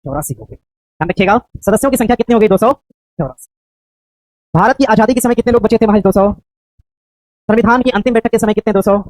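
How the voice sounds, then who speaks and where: A woman teacher coaching a class for an exam, quizzing students with rapid, repeated questions. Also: mid-range voice, darkish tone, no echo, low-quality recording.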